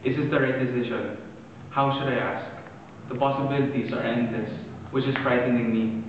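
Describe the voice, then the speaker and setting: Guy doing a lovesick anxious young man monologue, earnest and even toned, far from mic in a big echoey hall. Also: medium pitch, normal speed, highs cut off, noisy background, lightly acted. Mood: anxious musing. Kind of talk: dramatic monologue, stage-style recitation. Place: large reverberant room, distant microphone.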